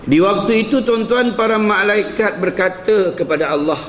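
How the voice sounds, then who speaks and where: A man's voice: high-pitched, moderate pace, fairly bright tone. A man giving an evening lecture in a mosque, often addressing the congregation and playing with his intonation. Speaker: preacher. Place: mosque prayer hall. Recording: echoey hall with faint hum.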